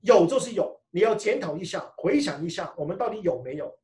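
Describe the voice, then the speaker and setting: A man preaching a sermon and telling his own testimony with animated storytelling, often restarting his phrases. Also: high voice, brisk. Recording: echoey room, mic far off.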